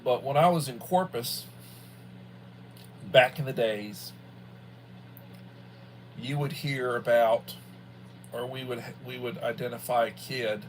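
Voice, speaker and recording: A man in his early sixties, a school worker who hosts livestreams, rambles casually off the cuff at a middling pitch. His folksy, halting delivery keeps circling back to repeat phrases. A light hum sits beneath his voice, and the recording quality is low.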